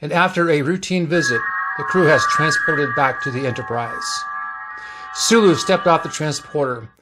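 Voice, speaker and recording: A man's voice: fairly high pitch, moderate pace, over loud music. Man narrating a sci-fi story. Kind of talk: reading fan fiction aloud.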